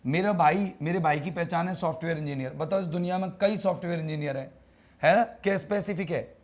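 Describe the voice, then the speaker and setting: A man's voice: a little high, a little fast. A man teaches an English grammar class live online. He talks casually and coaxes his students, repeating words over and over to drill them.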